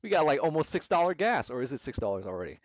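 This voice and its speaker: A man's voice: a little high, big pitch swings, rapid-fire, no echo. A man hosting an investment club stream in casual, rambling talk. He often repeats himself and acts out panicky traders. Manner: rambling, repetitive, restarts often, acts out quoted emotional traders. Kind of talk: casual livestream market commentary. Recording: dry, slightly dull home mic sound.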